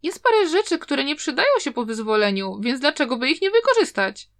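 A brash, mischievous young man from a storybook, glib and carefree as he talks back to his elders, as a woman reader gives him voice. He rattles along quickly and lightly in a bright, raised voice. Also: sits high, very animated, exaggerated voice. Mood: cheeky arguing. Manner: glib, brazenly talking back. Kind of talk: audiobook character reading.

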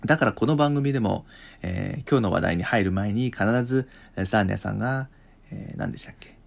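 A male language teacher on a podcast lesson, explaining slowly with many hesitations and restarts. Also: fairly low pitch, vocal fry.

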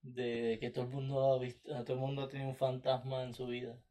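A man's voice: mid-range voice, completely flat delivery, fast, mellow. A man hosting a casual podcast, teasing his partner in playful banter. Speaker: podcast host and producer. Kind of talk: casual couple chat.

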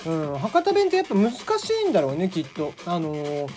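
Man, kagoshima-hakata accent, animated pitch, casual podcast host, faint music behind. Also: fast. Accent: mixed Kagoshima and Hakata dialect. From Kagoshima, Japan. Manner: chatty, many fillers, lively pitch swings. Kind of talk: casual solo radio talk.

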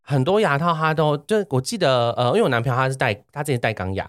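A man chatting casually as a podcast host in animated, rambling explanations, speaking fluently while wearing dental braces. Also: mid-range voice, fast, dry recording, studio quality. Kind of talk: casual podcast chat with product recommendation.

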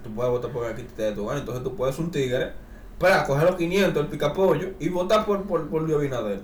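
A man's voice: a little high, fast talker. Blunt Dominican man in an echoey room. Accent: Dominican Spanish. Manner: blunt, argumentative, slangy. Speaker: podcast co-host. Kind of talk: casual comedic banter. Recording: echoey room, faint noise.

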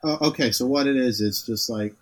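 A man's voice: medium pitch, a little fast, poor audio. A man co-hosting a podcast in casual chat over a remote call, talking in hesitant stops and restarts. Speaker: podcast co-host.

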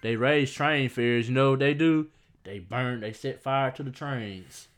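A man's voice: mid-range voice, measured pace. A man co-hosting a podcast, reading news items casually and riffing on them with friends. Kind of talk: casual chat.

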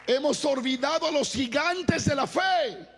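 A man preaching a sermon in a large church hall, telling stories with passion and rising to loud exclamations. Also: very high voice, measured pace, a faint crowd. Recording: reverberant hall with faint music.

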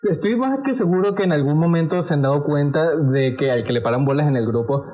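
A Venezuelan man chatting casually, his voice sitting a little high. He tells stories with lots of energy and slips into other people's voices as he goes. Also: quick pace, lo-fi sound. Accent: Venezuelan Spanish. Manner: animated storyteller who acts out other people's voices. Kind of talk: casual chat.

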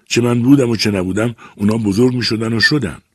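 A man's voice: mid-range voice, darkish tone, breathy edge, dry recording, studio quality, pitched above the performer's own voice, lightly acted. A man voicing a bitter, weary father abandoned by his wife, speaking in a brooding lament in an audiobook story.

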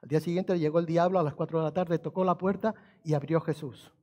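A man's voice: a little high, fairly even intonation, fast, dark tone. A man preaching a sermon as pastor, telling a humorous story and asking the congregation rhetorical questions.

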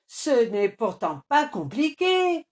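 A woman voicing a proud, frustrated male lion, king of the savanna, who roars and shouts in bursts. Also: sits high, very animated, slow, pitched above the performer's own voice, full character voice. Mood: furious.

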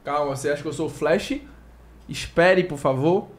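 A man's voice: on the high side, moderate pace. A man hosting a podcast, giving a playful, joking sponsor read and explaining it step by step. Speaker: podcast host.

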